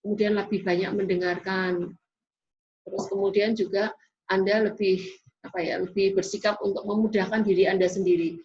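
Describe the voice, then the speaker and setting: A woman's voice: mid-range voice, little pitch movement, normal speed, a little mellow. A woman giving a classroom lecture in an explanatory way, often tagging sentences with a questioning "ya". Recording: dull lo-fi recording.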